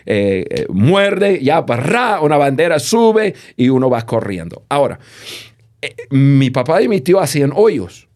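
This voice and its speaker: A man, a podcast guest, telling a childhood story in conversation, animated and full of restarts. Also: medium pitch, measured pace. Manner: animated, lively, with many restarts.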